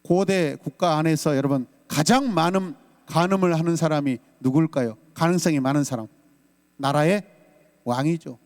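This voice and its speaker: A man's voice: a little high, normal speed, in a large hall. A man from South Korea preaching a Sunday sermon as pastor, emphatic and rousing, calling out lines for the congregation to repeat.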